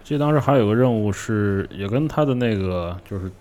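A man co-hosting a podcast in casual chat, dropping quick joking asides. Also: on the low side, animated, warm tone. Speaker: podcast co-host.

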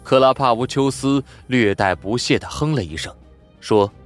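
A man narrating an audiobook in a scripted, expressive storytelling style. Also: medium pitch, normal speed, faint music behind.

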